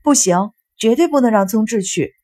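A woman's voice: medium pitch, lively intonation, normal speed, a little mellow, husky, no echo, clean studio sound. A woman voicing a stubborn teenage girl, an older sister who speaks firmly and insists on her way. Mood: insistent. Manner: firm and insistent.

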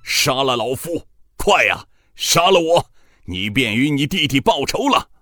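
A male storyteller voicing a fierce, defiant old sect master in his seventies or older, who shouts his defiance. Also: mid-range voice, very animated, measured pace, no echo, studio quality, pitched above the performer's own voice, exaggerated voice.

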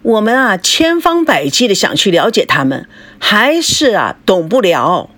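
A woman's voice: mid-range voice, big pitch swings, a little slow, a bit bright, no room sound. A woman voicing a doting middle-aged father who coaxes his daughter in a sing-song way and grumbles about her boyfriend. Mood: grumbling.

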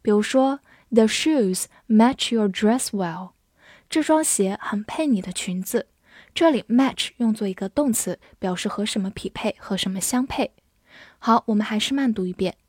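A woman teaching English vocabulary to Chinese learners, spelling each word letter by letter and reading the example sentences slowly. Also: medium pitch, expressive, a little mellow, no echo, studio quality. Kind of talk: scripted vocabulary lesson.

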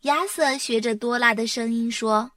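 A woman narrating a children's picture book in an expressive, clear storytelling manner. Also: fairly high pitch, moderate pace, no echo. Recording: distant mic, dry sound.

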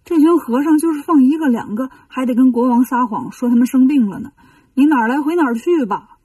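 Two haughty young Taoist acolytes from a children's tale brush off a request with scoffing disdain, as a woman voices them. The voice is warm and breathy. It is a touch higher than usual and a little distant from the microphone. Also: a little fast, dry recording. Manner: dismissive, scoffing.

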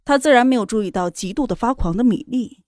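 A woman reading a romance novel aloud in a steady, even storytelling voice. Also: fairly high pitch, fast talker, no echo, studio quality. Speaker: narrator. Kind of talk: scripted novel narration.

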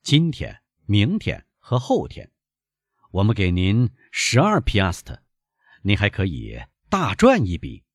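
A man reading aloud, voicing a calm, shrewd young gentleman who teases and bargains. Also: on the low side, unhurried, no room sound, clean studio sound, pitched above the performer's own voice, exaggerated voice. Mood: bargaining. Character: young gentleman, calm, knowing, quick-witted.

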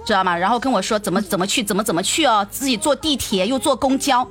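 A young woman telling a personal story in a lively, chatty way, repeating words and asking her listeners questions. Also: on the high side, fast, soft background music. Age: young adult. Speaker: storyteller addressing her audience.

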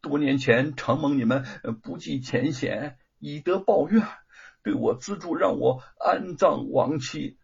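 A man's voice: a little high, vocal fry, husky, heavily acted. A man voicing a humble, reformed former thief who talks nervously and stumbles over fillers, in a storybook reading. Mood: eager, anxious. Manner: nervous, hurried, full of hesitant fillers. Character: humble reformed male ex-thief, grateful and anxious. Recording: dull lo-fi recording.

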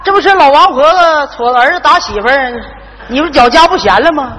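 A man's voice: extremely high pitch, lively intonation, brisk, bright, forceful tone, a little hiss or hum, exaggerated voice. A man playing a timid young scholar husband with a Northeastern Chinese accent in a folk stage comedy, pleading and easygoing. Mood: coaxing. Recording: reverberant stage hall.

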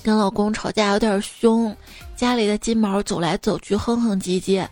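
A woman radio host reading out listeners' jokes in a lively, amused storytelling manner. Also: medium pitch, moderate pace, faint music behind.

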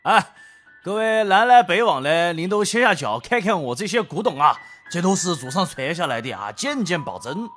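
Loud sly antique hawker, Sichuan accent, high raised voice, swooping pitch. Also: male voice, big pitch swings, normal speed, soft background music, heavily acted. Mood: hawking. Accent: Sichuan Mandarin. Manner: loud hawking, sly and wheedling. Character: boastful hawking street antique vendor, middle-aged man.

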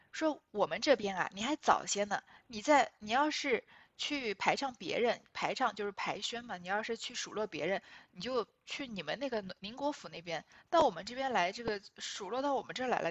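A woman reads from a classic novel and talks it through at a mid pitch. She explains as she goes, stopping often for hesitation fillers. The recording is dry and close. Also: lively intonation, a little fast, no echo, highs cut off. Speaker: literature explainer.

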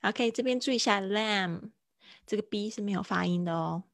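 A woman teaching English words in a casual live-streamed lesson, chatting and repeating each word slowly to model how it sounds. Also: medium pitch, gravelly, dry recording, clean studio sound. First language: Mandarin.

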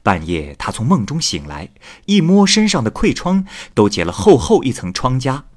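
A man with a mid-range voice and moderate pace narrates a classic tale as a storyteller. He's expressive and lively, voicing every figure in the story himself.

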